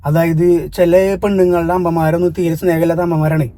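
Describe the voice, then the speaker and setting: A Malayali family vlogger speaks in a high, rapid voice with a dark, mellow tone. He tells a story earnestly, then turns sharp and scolding toward commenters. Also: flat delivery, a little hiss or hum. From Kerala, India. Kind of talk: casual vlog talk to viewers.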